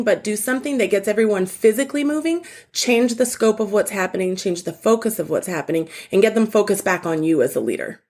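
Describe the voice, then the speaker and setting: A woman co-hosting a youth ministry podcast, talking in a casual, upbeat and emphatic way. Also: medium pitch. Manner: upbeat, laughs often, emphatic.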